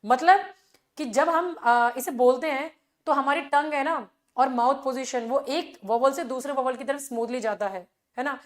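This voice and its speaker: Indian woman teacher, high voice, quizzes the class with rhetorical questions and keeps repeating filler phrases. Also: normal speed. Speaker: English teacher. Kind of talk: exam revision class.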